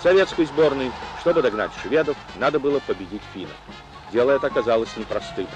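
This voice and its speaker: A man's voice: mid-range voice, lively intonation, fast, poor audio. Man narrating an old newsreel. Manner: formal, declamatory reporting. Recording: narration over loud music.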